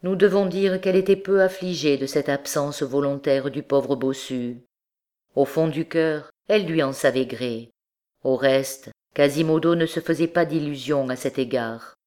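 A woman reads a classic novel aloud in a calm, measured way. Her voice sits low and deep for a woman. The pacing is steady, like a careful audiobook narration. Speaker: audiobook reader.

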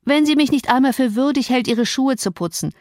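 A sullen, rough young man snaps back gruffly and curses, as a female reader puts him on. He stays defiant and unfriendly, and it is raised rather than lowered. The recording is dry and close. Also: brisk, darkish tone, no room sound, natural voice. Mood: surly. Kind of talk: audiobook character voice.

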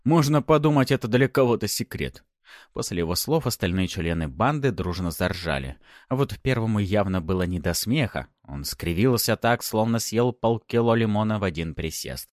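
A man's voice: sits low, expressive, normal speed, few pauses, no echo, clean studio sound. A man narrating a first-person audiobook in a sardonic, mocking tone.

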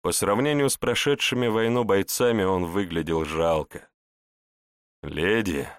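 Low-voiced male audiobook narrator. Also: animated, normal speed, smooth, no echo, studio quality. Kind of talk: scripted fantasy story narration.

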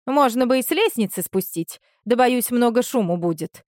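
A woman's voice: on the high side, lively intonation, normal speed, a little mellow, no room sound, studio quality, pitched above the performer's own voice, natural voice. A woman reading a scornful older woman. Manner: scornful, mocking. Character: hostile older woman neighbor.

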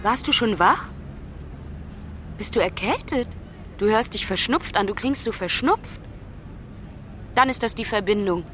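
A woman's voice: medium pitch, expressive, a little slow, pauses often, a bit bright, a little hiss or hum. An anxious young woman on the phone. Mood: chatty. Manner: urgent, pleading phone talk. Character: lonely young woman traveller, anxious and affectionate. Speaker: young woman phoning her mother from abroad. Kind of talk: radio play acting.

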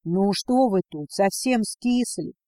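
A woman's voice: mid-range voice, animated, slow, mellow, no room sound. A woman voicing a blunt, commanding older father who talks brusquely. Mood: gruff.

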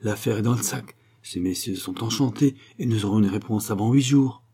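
Male reader doing a pushy, sweet-talking old theatre agent; low, husky storybook voice. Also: moderate pace, mellow. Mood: hearty. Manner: brash, coaxing.

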